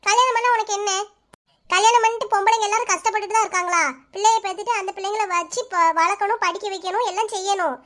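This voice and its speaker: A bossy young village neighbor, voiced by a woman, fires off words in a very high, fast voice. She scolds sharply but means well. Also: fairly even intonation, fairly bright tone. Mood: scolding. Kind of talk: cartoon voice-over.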